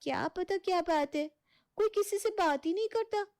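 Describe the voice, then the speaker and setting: A woman's voice: very high-pitched, moderate pace, a little mellow, pitched above the performer's own voice. A woman voicing a scheming, manipulative young wife who sweet-talks her in-laws in a cartoon story. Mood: sweet-talking. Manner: sugary, scheming.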